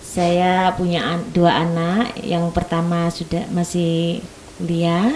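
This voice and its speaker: A woman's voice: fairly low pitch, level tone, slow, darkish tone, roomy sound, slight background noise. A woman in her forties from Malang, a guest introducing herself politely. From Malang, Indonesia. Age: 40s. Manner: polite, formal greetings.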